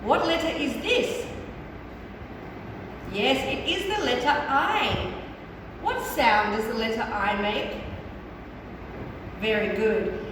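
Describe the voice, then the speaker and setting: A woman's voice: on the high side, lively intonation, slow, long pauses, recorded from a distance. A woman teaching young children like a kids show host, in sing-song, exaggerated teacher talk full of questions and praise. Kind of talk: kids show host, letter-sound lesson. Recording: very echoey room, clear background noise.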